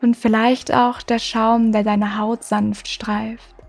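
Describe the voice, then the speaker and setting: A woman hosting a meditation podcast, guiding the listener in a soft, slow, soothing way with long pauses. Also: a little high, flat delivery, gravelly. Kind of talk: guided meditation. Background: music.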